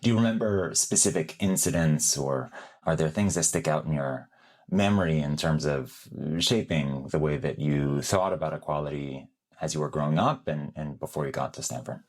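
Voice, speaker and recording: Man host, very low voice, upbeat, asking open questions. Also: moderate pace, a little mellow. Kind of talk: interview hosting.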